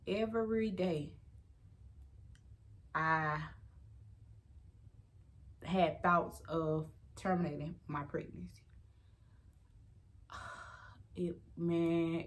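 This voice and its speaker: A young woman, talking candidly to her viewers in a personal vlog update, rambling with fillers and restarts and calling them y'all. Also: lowish voice. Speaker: vlogger.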